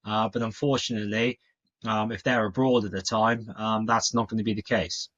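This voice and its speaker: A British man with a cold explaining things as an expert guest, in a halting, informal conversational way. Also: fairly low pitch, flat delivery, fairly bright tone, muffled recording. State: has a cold. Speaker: senior financial adviser, interview guest.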